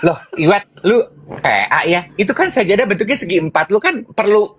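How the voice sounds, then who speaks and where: Seorang pria mengobrol santai dan bergosip sebagai pembawa acara, dengan gaya menggoda. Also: male voice, sits high, animated, a little fast, a bit bright, slight background noise. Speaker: co-host. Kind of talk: casual gossipy chat.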